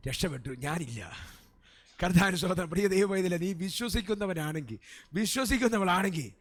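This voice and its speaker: A man's voice: sits high, lively intonation, moderate pace. A man with a Malayali accent preaching a sermon as pastor at a church service, peppering his words with amens and hallelujahs. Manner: swings between soft asides and loud shouted peaks.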